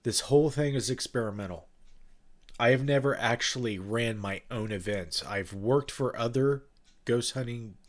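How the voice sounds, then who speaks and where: This livestream host and ghost-hunting event organizer has a mid-range voice, nasal and stuffed-up from a cold, and speaks at normal speed. He chats casually with his viewers in a loose, rambling way, leaning on fillers and starting sentences over.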